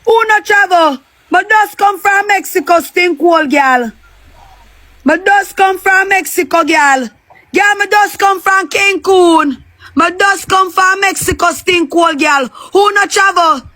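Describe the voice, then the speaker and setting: Woman, Jamaican accent, very high, sharp tone, shouting crude taunts, live-stream argument. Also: a little slow, dry recording.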